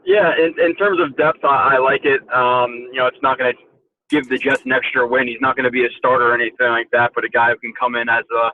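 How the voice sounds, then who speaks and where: A man's voice: mid-range voice, fairly even intonation, fast talker, slight background noise. A man calling in to a sports podcast, talking through the signings over the phone. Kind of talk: casual sports talk. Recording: tinny phone line.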